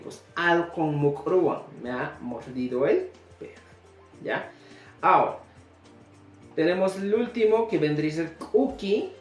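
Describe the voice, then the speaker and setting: A language teacher leads a recorded lesson at an unhurried pace, repeating each word so the class can follow along. The voice rises and falls a lot as it drills the class, and keeps checking in with a quick question. The sound carries a roomy echo, with soft music playing underneath. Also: medium pitch. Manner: drills words slowly and checks in with "¿ya?".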